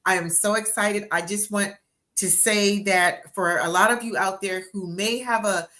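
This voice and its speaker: A woman's voice: mid-range voice, fairly even intonation, unhurried, bright, forceful tone. A woman in her sixties hosting a livestream interview as a book coach, upbeat and encouraging, often repeating herself on a video call. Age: 60s.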